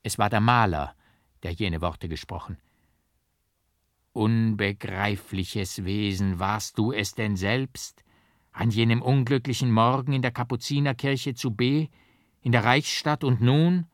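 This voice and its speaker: A man reading a classic novel aloud as an audiobook, in a slow, hushed, brooding dramatic manner. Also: fairly low pitch, no room sound, studio quality. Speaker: audiobook narrator.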